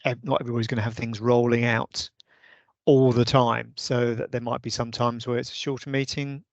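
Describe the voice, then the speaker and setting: A man's voice: medium pitch, flat delivery, brisk, no room sound, muffled recording. A man on an online meeting call, suggesting ideas in a hesitant way with many restarts. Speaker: vice chair of a users' group meeting. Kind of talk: casual online meeting discussion. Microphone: video call.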